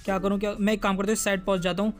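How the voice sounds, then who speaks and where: A man with a high voice rattles through gameplay commentary at a quick clip, his pitch staying fairly level. He talks straight to his viewers in a chatty way and spooks easily. Faint music plays behind him. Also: level tone. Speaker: gaming YouTuber.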